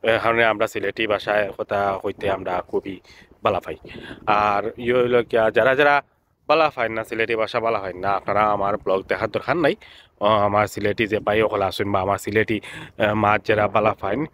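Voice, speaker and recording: A man's voice: lowish voice, fairly even intonation, a little fast, a bit bright, a little hiss or hum. Sylheti-accented man vlogging outdoors. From Sylhet, Bangladesh. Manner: chatty, repetitive, with many filler sounds. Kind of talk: casual vlog narration. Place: outdoors by a lake.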